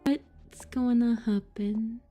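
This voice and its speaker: This streamer has a slightly high, warm voice with fairly even intonation and a slow pace, with soft music in the background. She reads a horror visual novel's on-screen text aloud as she plays, giggling and swearing whenever something startles her.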